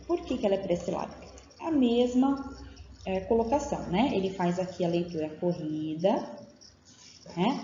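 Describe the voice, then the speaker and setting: Woman teacher trainer, patient explainer, mellow tone, dull echoey room recording. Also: medium pitch. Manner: explains patiently, with frequent check-in tags. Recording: dull, echoey room audio with faint noise.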